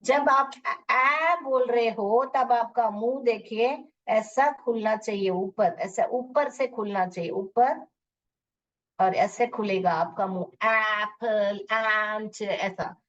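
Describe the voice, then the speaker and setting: A woman teacher leads children through phonics in an online class, drawing out each letter sound very slowly. Her voice sits a little high. It comes through dull and from some distance off the mic, as in a lo-fi class stream. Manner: mixes Hindi explanations with English words.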